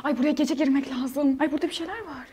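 A young woman vlogging outdoors at an abandoned site, excitable, jokey and easily scared. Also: high-pitched, fast, background noise. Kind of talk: casual vlog chat.

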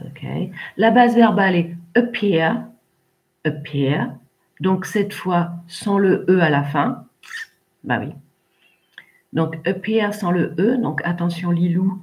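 A woman's voice: fairly low pitch, lo-fi sound. A woman teaching English pronunciation in an online class, patiently correcting pupils one by one by name.

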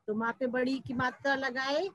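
A woman's voice: high voice, steady tone, moderate pace, fairly bright tone, dry recording, rough recording. A woman Hindi teacher giving a recorded lesson to young children. She stretches out each sound, asks questions and then answers them herself. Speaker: primary school Hindi teacher.

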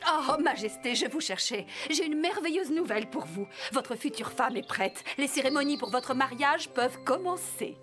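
Cartoon royal courtier, high voice, formal, firm, faint music. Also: female voice, animated, normal speed, few pauses, fairly bright tone. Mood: insistent. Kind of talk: French cartoon voice acting.

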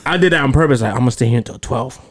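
This thirty-something man speaks very fast in a mid-range voice while co-hosting a casual podcast. Wearing headphones at a boom-arm studio mic in a small home studio, he's an animated storyteller who swears a lot.

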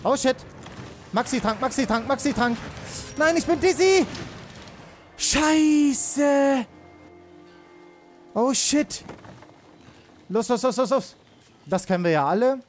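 High-voiced young male let's player, jumpy, repeats himself fast, game music behind. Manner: excitable, repeats words rapidly, mixes in English slang. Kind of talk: live gameplay commentary.

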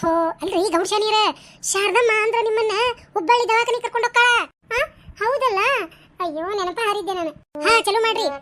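A woman voicing bickering village women in a cartoon, talking in quick bantering dialect with a North Karnataka Kannada accent. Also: very high-pitched, fairly bright tone, slight background noise. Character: bickering village women, a landlady and her helpers. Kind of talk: cartoon voice acting.

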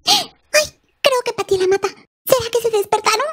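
Animated young woman narrating a game. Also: very high voice, moderate pace, a little hiss or hum. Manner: animated, sing-song baby talk. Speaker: game video creator. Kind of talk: playful game role-play narration. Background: faint children's music.

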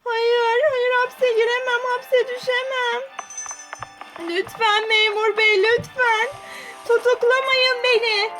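A woman's voice: extremely high pitch, fairly even intonation, normal speed, music in the background, voice pushed up. A woman voicing a desperate teenage girl accused of a crime, pleading and tearful in a doll roleplay.

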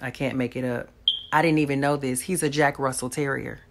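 A woman's voice: very deep voice, fairly even intonation, a little fast, background noise. Earnest woman sharing a personal testimony. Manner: earnest, talks straight to viewers, faith-filled. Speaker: vlogger. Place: small room at home, indoors.

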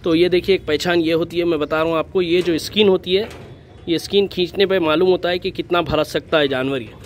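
A man, walking viewers through a goat for sale in a casual, steady way, often calling them brother. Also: fairly high pitch, a little fast, a little hiss or hum. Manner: flat, steady, repeatedly says "bhai". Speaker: goat farm seller. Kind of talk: casual sales walkthrough. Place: outdoor goat pen.

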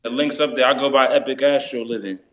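Speaking quickly with a steady, medium-pitched voice, a man from New Jersey chats casually and explains things in informal slang over crowd noise. He is a guest storyteller and amateur musician, heard on a dull lo-fi video call through a phone held close.

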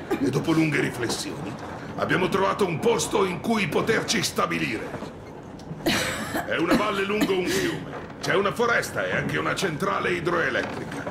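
An old colonel in a video game, commanding and fatherly. His gravelly voice swings widely in pitch, in a roomy, noisy space. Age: older. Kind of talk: video game voice acting, Italian dub. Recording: roomy, noisy train-carriage ambience.

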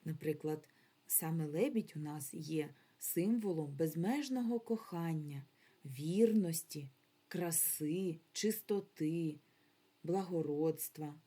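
A woman's voice: deep voice, takes it slowly, mellow. A woman primary school teacher giving a remote lesson to young children. She speaks patiently and carefully, and stretches words out syllable by syllable. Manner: patient, encouraging instruction.

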